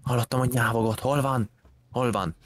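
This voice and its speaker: A young man joking deadpan during a casual game session, now and then yelling. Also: medium pitch. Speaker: gamer. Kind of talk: casual Minecraft let's play banter.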